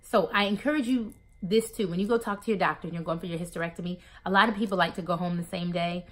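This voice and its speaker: A woman's voice: lowish voice, quick pace. A woman talking casually to her viewers, giving advice from her own experience and often calling them "y'all". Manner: animated, addresses listeners as "y'all". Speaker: vlogger sharing surgery recovery tips. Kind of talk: casual advice talk to camera.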